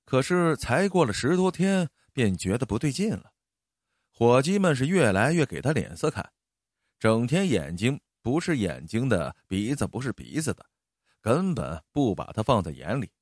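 A man narrating a traditional tale with dramatic rises and falls. His pitch moves a great deal and stays lively. The recording is dry and close, with no room sound. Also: moderate pace, no room sound. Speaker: storyteller. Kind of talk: storytelling narration.

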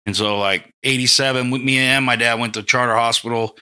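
A man's voice: medium pitch, steady tone, fairly quick, bright, forceful tone, clear, resonant tone. A middle-aged man telling stories casually, rambling and swearing heavily with lots of slang. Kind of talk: casual storytelling chat.

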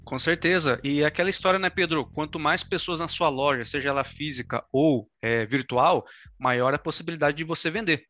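A man's voice: a little high, normal speed, sharp tone. A Brazilian man hosting an upbeat podcast interview, with an enthusiastic, emphatic presenter's delivery. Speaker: podcast host.

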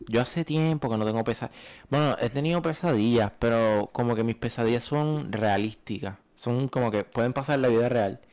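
A man's voice: medium pitch, brisk, a little mellow. A young man, co-hosting a casual podcast chat, peppering his stories with swearing. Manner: swears often, shares dreams loosely. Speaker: podcast co-host.

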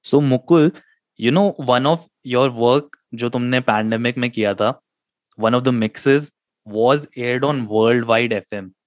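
A man's voice: mid-range voice, moderate pace, dry recording. A man hosting a casual radio interview, encouraging his guest and mixing Hindi into his English. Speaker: radio show host, interviewer.

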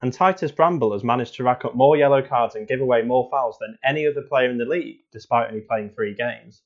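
A man as co-commentator on a spoof football show, with a deadpan, cynical pundit delivery. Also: mid-range voice, fast, dull audio.

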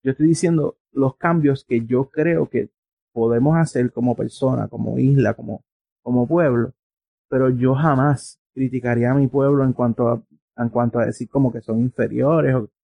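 A man with a Puerto Rican Spanish accent speaks as an interview guest, earnest and explanatory, working his thoughts out aloud at a middle pitch. The recording is close and dry, a little dull in the highs. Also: fairly even intonation, moderate pace, creaky, no room sound. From Puerto Rico. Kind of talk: casual conversation. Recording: dry, slightly muffled recording.

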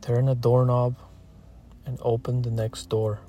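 Calm and gentle, a man with a medium-pitched voice narrates a scripted guided meditation, leaving long pauses between his short phrases.

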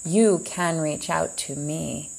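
A woman speaks slowly and introspectively, hosting her own show as if thinking aloud. Her voice is low, dark and gravelly, with a husky edge, and she lets long pauses hang between her thoughts. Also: poor audio. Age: adult, heard as a child in the 80s. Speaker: podcast host. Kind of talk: slow reflective monologue.

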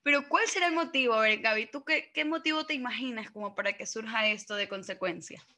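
A woman's voice: a little high, fast, sharp tone. A woman co-hosting a podcast in giggly, teasing casual chat. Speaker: podcast co-host.

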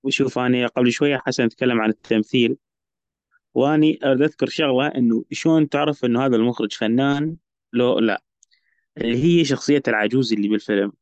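A man's voice: medium pitch, fast, a little mellow, no room sound. A man with an Iraqi Arabic accent giving his view as a panelist in a casual film discussion. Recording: dull, lo-fi microphone sound.

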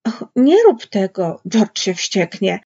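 A woman voicing a big, simple-minded man who pleads in a childlike, panicky way, with a husky voice. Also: medium pitch, measured pace, darkish tone. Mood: pleading. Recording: dull lo-fi recording.

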